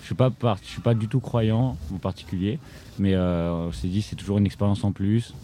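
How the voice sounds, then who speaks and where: Teen boy guest, very low warm voice, thoughtful and easygoing. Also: fairly even intonation, a little fast, slight background noise. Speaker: young guest.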